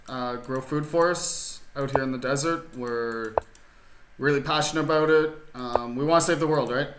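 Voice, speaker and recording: A man's slightly high voice comes through a noisy background and a roomy echo as he chats with viewers during a chess stream. Speaking from his rural desert home, he's laid-back and rambling, with lots of fillers and restarts.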